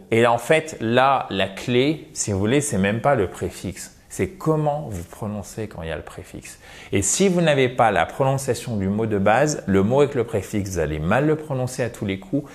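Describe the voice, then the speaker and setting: A man giving a lively video lesson, speaking straight to viewers and sounding out English words slowly. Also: on the low side. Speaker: English teacher.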